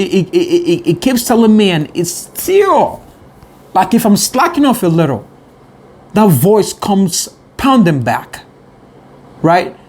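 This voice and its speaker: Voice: medium pitch, darkish tone. An earnest motivational vlogger speaking straight to viewers in a mid-range voice. They stumble into repeated words and restart phrases while pressing their point about perseverance.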